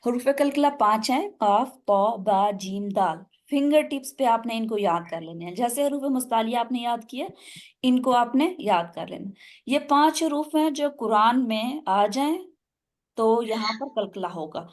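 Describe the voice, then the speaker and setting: A woman's voice: a little high, expressive. A woman teaching tajweed in an online class, explaining step by step and asking her students questions. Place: online video call class.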